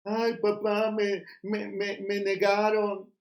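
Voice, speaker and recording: A man's voice: sits high, completely flat delivery, slow, lo-fi sound, pitched above the performer's own voice. A man voicing a whiny, self-pitying grown man who keeps complaining. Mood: whining. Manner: whining, complaining.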